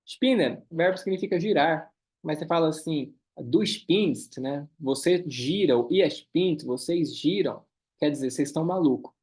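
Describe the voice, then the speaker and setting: A man leads a German lesson. His voice sits a little high. He says the German lines slowly, then explains them quickly. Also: darkish tone. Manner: switches between slow careful German and quick explanations. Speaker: German teacher. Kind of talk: online class, reading dialogue and translating.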